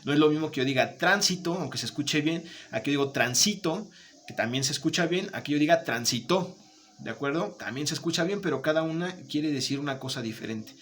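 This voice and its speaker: A man's voice: on the high side, fast talker, hardly any pauses, a little hiss or hum. A man teaching a remote lesson, patient, checking in often with his students. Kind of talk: remote Spanish grammar lesson.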